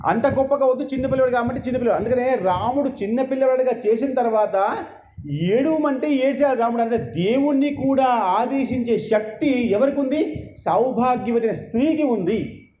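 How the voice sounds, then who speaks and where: A man's voice: very high voice, a little mellow, slight background noise. A man giving a religious sermon who lectures emphatically and asks his listeners rhetorical questions. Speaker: religious discourse speaker. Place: temple hall. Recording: echoey hall with faint ambience.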